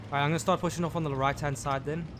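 A man's voice: fairly high pitch, fairly even intonation, racing. Man casually muttering over game noise. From South Africa. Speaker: gaming channel host. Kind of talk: live gameplay commentary.

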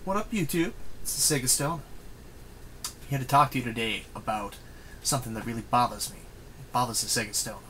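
A man giving an energetic, playful YouTube rant about retro game consoles. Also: mid-range voice, fast talker, pauses often, a little hiss or hum, poor audio. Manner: hyped, emphatic, playful. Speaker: guest video maker.

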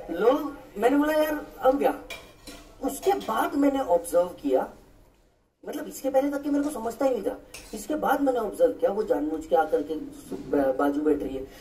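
A man's voice: very high voice, a little hiss or hum. A male teacher telling his class a story from his school days, acting out his friends' voices. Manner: animated, acts out friends' voices. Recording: echoey room from far off.

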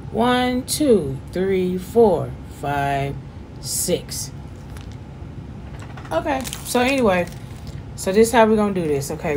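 A woman, chatting loudly and jokingly as she gives a casual demonstration at home. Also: on the low side, background noise. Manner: chatty, joking, loud and animated. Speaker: vlogger giving a demonstration.

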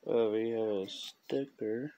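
A man's voice: fairly low pitch, dark tone, slight background noise. A man casually showing a collection of business cards and stickers to the camera, rambling and chuckling now and then. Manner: slow, rambling, chuckles often. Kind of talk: casual show-and-tell vlog.

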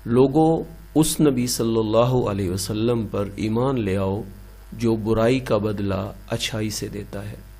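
A man voicing a grateful male desert nomad who speaks in an earnest, pleading way, somewhat higher than his narrating voice. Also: unhurried, vocal fry, dark tone.

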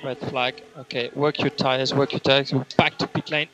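At a moderate pace, a race engineer repeats instructions methodically over onboard team radio, his mid-range voice slightly bright with little pitch movement. A radio headset captures it, and the filtered recording is noisy with clicks and vehicle sound.

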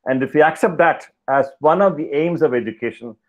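An older man giving a keynote lecture over slides on a video call, talking in a measured, deliberate way with pauses and fillers. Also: on the high side. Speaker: keynote speaker. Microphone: headset, video call. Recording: slightly dull video-call audio.

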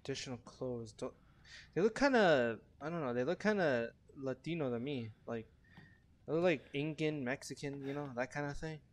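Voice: mid-range voice, lively intonation. A gameplay commentator talking through a horror game, swearing constantly, panicking and repeating words in frantic bursts. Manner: repeats words in rapid bursts when scared. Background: game music.

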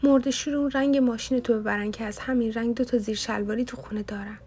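A woman's voice: a little high, fairly even intonation, darkish tone, close to an everyday voice. Woman voicing a joking young male student. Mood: teasing. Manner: mock-cursing, teasing banter.

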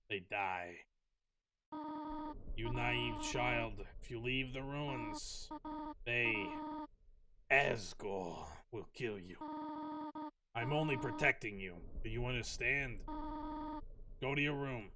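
A man voicing a stern, protective mother goat woman in a lowered, smoky voice, speaking slowly and gravely. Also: distant mic, heavy background noise, natural voice. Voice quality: smoky, husky. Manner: slow, grave, low warnings.

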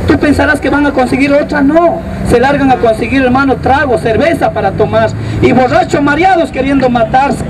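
A man's voice: extremely high pitch, fairly quick, few pauses. A man with an Ecuadorian accent doing a crude, rowdy street comedy routine outdoors, calling his audience "brother". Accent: Ecuadorian Spanish. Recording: distant mic, loud crowd and street noise.

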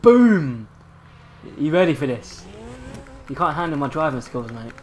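A young man giving casual, excitable gameplay commentary, swearing and laughing often. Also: a little high, a little fast, slight background noise. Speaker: gaming channel host.

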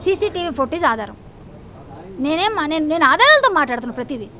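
A woman talks in a high voice at a racing pace. She is defiant and accusatory, firing off her points in a heated news interview. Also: big pitch swings, bright, forceful tone. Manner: fiery, defiant, rapid-fire and accusatory.

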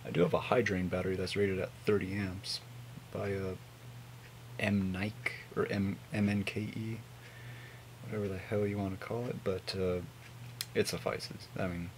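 Low gravelly young man, noisy webcam audio. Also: level tone, moderate pace. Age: 20s. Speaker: vape reviewer. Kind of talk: casual product review chat. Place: small home room with hanging clothes.

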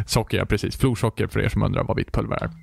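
A man with a Swedish accent co-hosting a casual podcast, loud and jokey, laughing often. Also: fairly low pitch, steady tone, creaky, breathy edge, no echo, studio quality. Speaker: podcast co-host. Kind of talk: casual chat.

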